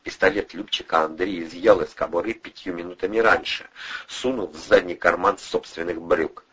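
Man, low voice, husky, steady narration, muffled audio. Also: moderate pace. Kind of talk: scripted narration.

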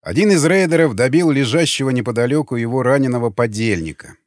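A man reading an audiobook in steady, dramatic storytelling. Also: medium pitch, fast talker, no room sound, clean studio sound. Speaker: audiobook narrator. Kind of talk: audiobook narration.

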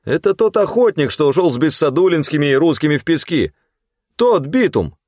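A man's voice: on the high side, big pitch swings, fairly quick, a little mellow, no echo, studio quality, voice pushed up. A man voicing a stern, commanding older male gang leader who barks orders. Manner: barking orders.

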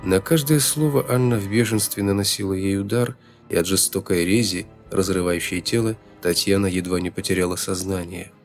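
A man reading an audiobook as narrator in a steady, dramatic way, with music behind him. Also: deep voice, a little fast. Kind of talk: scripted narration.

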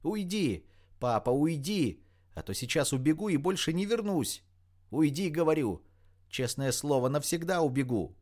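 A woman's voice: low voice, big pitch swings, slow, a little mellow, pitched above the performer's own voice, full character voice. A man voicing a desperate, defiant teenage girl who wails at her parents. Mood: wailing. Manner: wailing, pleading and defiant.

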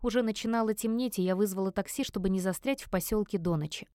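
A woman's voice: mid-range voice, fast talker, no room sound. Woman narrating a novel, dry and close. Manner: expressive, emotive storytelling. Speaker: audiobook narrator. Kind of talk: first-person audiobook narration of a romance novel.

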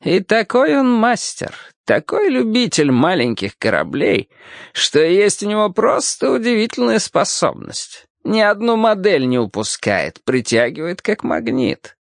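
A man's voice: sits high, huge pitch swings, creaky, no echo, clean studio sound, pitched above the performer's own voice, full character voice. A man voicing a kindly, wry old male cobbler in a storybook reading, with a quavering, folksy, teasing way of talking. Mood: storytelling. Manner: folksy, teasing, slow and sly. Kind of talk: audiobook character voice.

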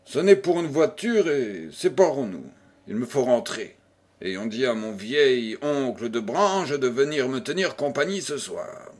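A man's voice: mid-range voice, expressive, measured pace, darkish tone, breathy edge. A man voicing a proud young widow who firmly refuses a marriage, in a storybook reading. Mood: cool. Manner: firm, slightly ironic.

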